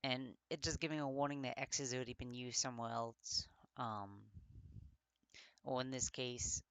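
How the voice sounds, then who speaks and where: A man's voice: medium pitch, little pitch movement, moderate pace, fairly bright tone, clean tone, no room sound. A man giving a casual coding walkthrough, thinking aloud with many fillers and often getting tongue-tied and correcting himself. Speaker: coding tutor.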